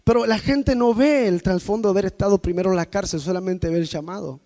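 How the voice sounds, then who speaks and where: High-voiced impassioned male preacher. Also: fast talker. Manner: impassioned, swinging between loud outbursts and quiet asides; personal storytelling addressed to the congregation. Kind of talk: sermon.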